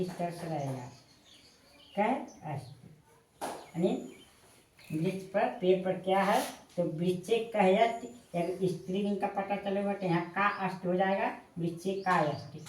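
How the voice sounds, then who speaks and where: A woman teaching a language lesson, dictating slowly and repeating each word for her students. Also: lowish voice, darkish tone, echoey room, a little hiss or hum. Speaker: Sanskrit teacher. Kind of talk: classroom-style lesson.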